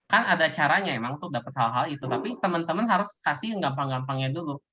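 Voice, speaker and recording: A man giving a casual sales coaching talk, lively, acting out sales pitches to his audience. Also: quick pace. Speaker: business presenter. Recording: dull lo-fi recording.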